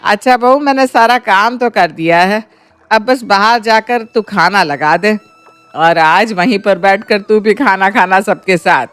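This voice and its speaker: Female VO: caring middle-aged mother-in-law, gentle, affectionately scolding, cartoon. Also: medium pitch, measured pace, clean tone, dry recording, faint music behind, lightly acted. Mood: coaxing. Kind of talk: cartoon voice acting.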